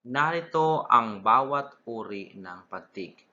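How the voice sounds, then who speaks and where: A young man, a student teacher, giving a recorded classroom lesson, deliberate and repetitive, sometimes correcting himself mid-word. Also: medium pitch, lively intonation, sharp tone. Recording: dull lo-fi recording.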